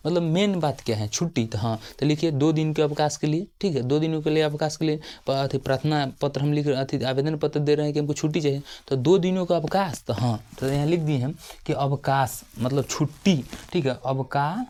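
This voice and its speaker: Tired soft-spoken Bihari teacher. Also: male voice, on the high side. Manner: speaks slowly and softly, keeps repeating "okay". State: tired late at night. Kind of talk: tutorial lesson dictating a letter format.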